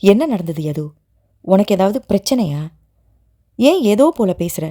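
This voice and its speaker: A woman's voice: medium pitch, animated, measured pace, mellow. A fiery young college student in an audio novel who snaps and scolds out of loyalty, as a woman reads her part. Her voice jumps about with feeling as she speaks sharply. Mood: worried.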